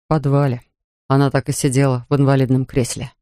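Reader doing a tired male cop, quiet and grim, dry booth sound. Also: mid-range voice, little pitch movement, brisk, no room sound, natural voice. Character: weary male small-town police officer.

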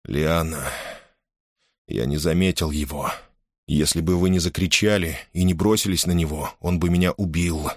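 A grim, determined male hero, as a man reads him out speaks low and earnestly in a storybook reading. The voice is very deep. The recording is dry and close. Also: moderate pace, no room sound. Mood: shaken. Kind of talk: audiobook character voice.

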